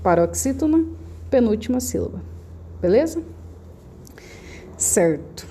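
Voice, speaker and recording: A Brazilian woman gives a remote lesson to children, recorded on her phone. Her voice is mellow, with a faint hum of room noise behind it. She talks patiently, repeats the key points and keeps checking that the class is following. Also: on the high side, very animated, unhurried. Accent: Brazilian Portuguese. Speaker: primary school teacher.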